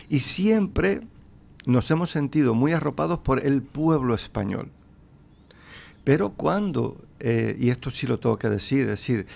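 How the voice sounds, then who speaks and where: Gravelly Cuban man with halting speech. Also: medium pitch, a little mellow. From Cuba. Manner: hesitant, many restarts and fillers. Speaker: guest. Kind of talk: radio interview.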